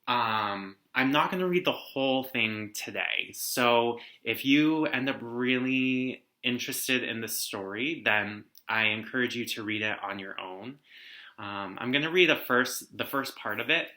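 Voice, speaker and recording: A young man, a teacher and read-aloud host, casually presents and reads a picture book for students from his living room at home. His mid-range voice is pushed and bright, and he reads at a measured pace. The room gives the recording a noticeable echo.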